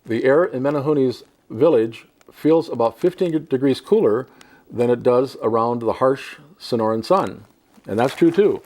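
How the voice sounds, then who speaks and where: A male talk show host reads a profile aloud at a middle pitch. He often breaks off into chatty asides and laughs between lines. His voice is plain and even. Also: normal speed.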